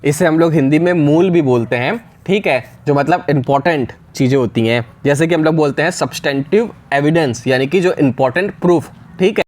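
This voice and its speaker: A man teaching English spellings for exams, spelling words out slowly letter by letter and checking in often. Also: on the high side, darkish tone. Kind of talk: exam spelling lesson.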